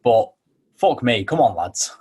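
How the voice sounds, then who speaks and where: Blunt, sweary English football fan. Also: male voice, medium pitch, very animated, measured pace, darkish tone, breathy edge. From England. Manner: blunt, sweary, stammering restarts. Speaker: podcast co-host. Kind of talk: casual chat.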